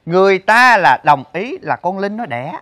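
A man's voice: high-pitched, big pitch swings, normal speed, a bit bright, no echo. A man playing a flustered friend in a stage comedy sketch, defensive and pleading.

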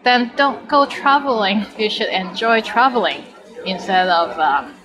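A woman's voice: mid-range voice, expressive, measured pace, crowd noise, rough recording. A woman in her thirties with a Hong Kong Cantonese accent, teaching phrases in a casual lesson with chatty explanatory asides. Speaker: language teacher and host. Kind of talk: casual language lesson with example phrases and commentary.

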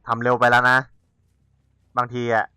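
Excitable man with a bright, forceful voice. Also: mid-range voice, moderate pace, smooth, dry recording, studio quality. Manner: excitable, chatty, teasing the players he hunts. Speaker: gamer. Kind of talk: let's-play commentary.

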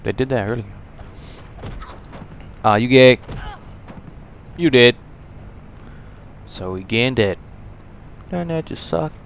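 A man giving casual, profane commentary while playing a video game, joking and talking back to enemies, moving between low mumbles and loud outbursts. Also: animated, slow, creaky, long pauses, a little hiss or hum. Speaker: gamer doing a walkthrough.

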